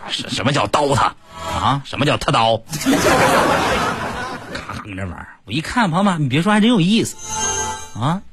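A comedian telling funny stories in an animated comic monologue, stammering now and then. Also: male voice, medium pitch, fast, over music.

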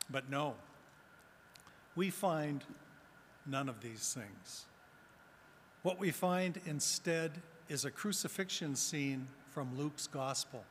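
A man preaching as a deacon, reading scripture and giving a homily in a measured, solemn way, with a cathedral echo around his voice. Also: a little high, lively intonation, fairly bright tone. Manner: measured, solemn public delivery with pauses. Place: large reverberant church. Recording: cathedral-like echo, long reverb, background noise.

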